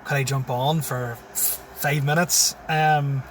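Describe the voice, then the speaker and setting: A man in his thirties, born in Syria and raised in Tyrone, speaks with a Tyrone accent at a medium pitch. Appearing as a comedian guest in a casual interview chat inside a parked car, he stays laid-back, keeps a steady tone, takes his time, and chuckles often. The phone recording is distant, with slight background noise.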